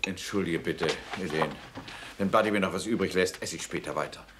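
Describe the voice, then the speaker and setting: A man plays a calm, measured middle-aged father in a dubbed TV family drama. His voice sits very low, and the recording carries a noisy dinner-table clatter behind it. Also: natural voice. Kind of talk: TV drama dub.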